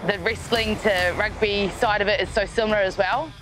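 A New Zealand MMA fighter in her twenties chats casually and cheerfully about her fighting career in a documentary interview, laughing easily. Her medium-pitched voice is steady at a moderate pace, with music playing behind her.

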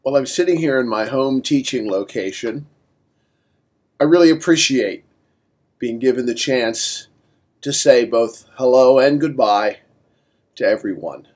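A man's voice: mid-range voice, a little slow, pauses often, a little mellow. A male teacher recording a casual farewell message from home, with light, wry asides.

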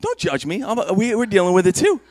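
A male pastor giving a Sunday church sermon, preaching with passion that builds to shouts. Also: sits high, wildly swooping pitch, fast talker. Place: church service.

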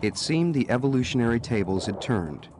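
A man with a mid-range, expressive voice delivers scripted nature documentary narration dramatically, like a storyteller, at a fairly quick pace. Music runs under his voice, and the recording is very noisy.

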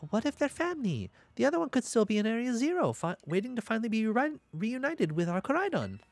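An excitable teenage girl adventurer from a video game, acted out by a man. The delivery is exaggerated and amateurish, pushed high and swinging widely in pitch. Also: fast, creaky, no room sound, faint music behind, full character voice. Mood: thrilled.

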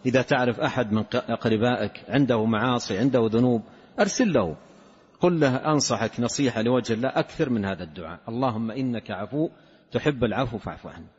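A man's voice: medium pitch, fast, breathy edge. A man giving a sermon, telling a story with earnest advice and voicing the people he quotes. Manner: earnest, tells a story and acts out quoted speech. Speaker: Islamic scholar. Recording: dull, hollow hall recording.

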